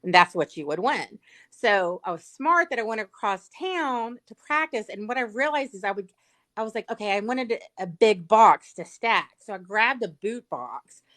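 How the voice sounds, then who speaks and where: A woman's voice: medium pitch, lively intonation, normal speed, a bit bright. A woman with a Southern US accent, telling a chatty story as a guest on a livestream. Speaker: paralegal and sweepstakes guest. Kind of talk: casual storytelling chat. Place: livestream video call.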